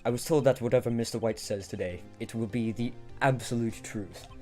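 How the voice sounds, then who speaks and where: A man in his twenties voicing a cold, ruthless young male prosecutor in a fan reading of a game script, speaking low, cool and measured. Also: dark tone, soft background music, natural voice. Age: 20s.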